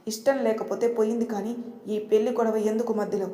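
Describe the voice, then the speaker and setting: A quick-tempered young boss snaps and lectures, as a woman reads him. The voice is mellow rather than sharp in colour. It sits in a room with a long echo. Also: on the high side, level tone, natural voice. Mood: scolding. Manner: scolding and sharp-tongued. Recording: roomy with long reverb.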